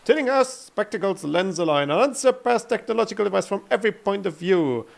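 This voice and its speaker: A man imitating a male 1940s newsreel announcer with a loud, punchy sales-pitch delivery. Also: expressive, a little fast, creaky. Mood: booming pitch. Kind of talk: mock old newsreel announcing.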